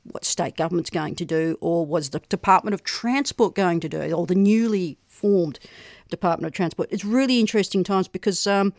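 An Australian woman hosting a radio show, chatting casually with quick self-deprecating asides. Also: on the low side, a little mellow, no room sound, clean studio sound. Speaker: radio host.

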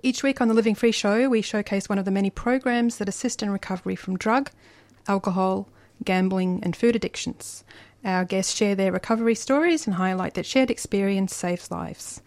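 A woman hosting a community radio program, reading a measured scripted introduction and interviewing a guest in the studio. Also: mid-range voice, darkish tone, no room sound. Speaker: radio host. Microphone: studio microphone.

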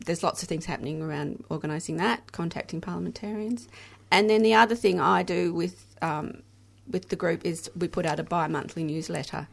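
A woman chatting casually on radio in a halting, self-interrupting way. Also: on the low side, steady tone, gravelly. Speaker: radio co-host and project coordinator. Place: crowded radio studio with shared microphones.

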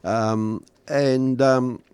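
An older man giving conversational news commentary as a host, halting often and using wry understatement. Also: medium pitch, steady tone, a little mellow, clean tone, no room sound. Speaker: talk show host.

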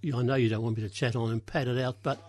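A man's voice: mid-range voice, fairly even intonation, racing, a little mellow. A man in his seventies with an Australian accent, reminiscing casually as a radio guest and rambling toward his point. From Melbourne, Australia. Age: 70s. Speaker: interview guest. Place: radio studio.

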